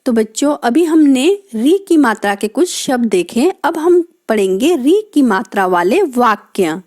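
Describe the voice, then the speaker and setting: Teacher woman, slightly high voice, drawn-out words for kids, slow and patient. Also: sing-song, darkish tone. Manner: asks the children questions and explains each word. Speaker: primary school Hindi teacher. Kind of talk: recorded lesson for young children.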